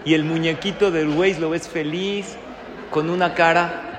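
A man giving a sermon as a rabbi, animated and joking, firing rhetorical questions at his audience. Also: on the high side, a little slow, slight background noise. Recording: echoey hall.

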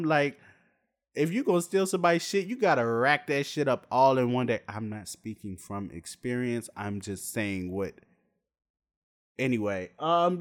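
Slangy man ranting with sudden squeaks. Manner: profane, slangy, with sudden high-pitched outbursts. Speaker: video host. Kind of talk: casual commentary rant.

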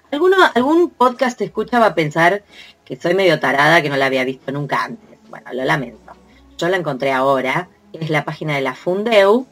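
A woman's voice: fairly low pitch, fairly bright tone. A woman with a Rioplatense Spanish accent, hosting a casual podcast chat, playful and laughing often as she sounds out onomatopoeia. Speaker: podcast host.

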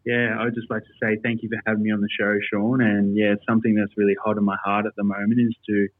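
An Australian military veteran with a fairly low, level voice talks fast as an interview guest on a remote call. He explains things earnestly in his Australian accent, and the dry recording has the dull, lo-fi sound of call audio.

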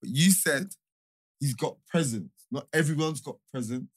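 A man with a London roadman accent in animated group banter, speaking emphatic street slang and repeating himself to drive points home. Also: a little high, normal speed. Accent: London, urban street slang.

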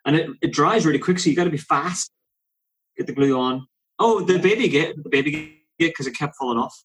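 A man in casual conversation as a podcast co-host, telling rambling stories and interrupting himself, his voice jumping up when he gets excited. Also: a little high, a little fast, slight background noise, poor audio. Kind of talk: casual chat.

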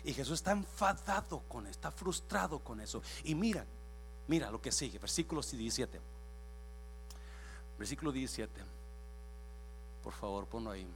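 A man's voice: medium pitch, lively intonation, moderate pace, long pauses, faint music behind. A man preaching a sermon in church as pastor. He preaches with emphasis, repeats his phrases, quizzes the congregation and drops English words into his speech.

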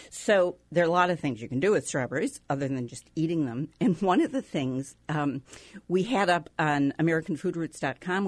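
A woman's voice: deep voice, darkish tone, breathy edge, no room sound. Chatty middle-aged woman podcast host. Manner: chatty, enthusiastic, laughs easily. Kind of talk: casual food podcast chat.

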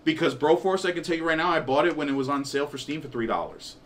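A man with a bright, forceful voice co-hosting a casual gaming podcast. He explains at length, rambling and restarting his sentences. A faint noise runs under the recording. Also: fairly high pitch, quick pace. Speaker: podcast co-host.

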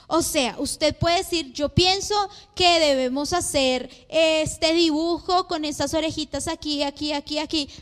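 A woman in her thirties preaching a sermon, full of rhetorical questions to the congregation. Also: sits high. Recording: long hall reverb.

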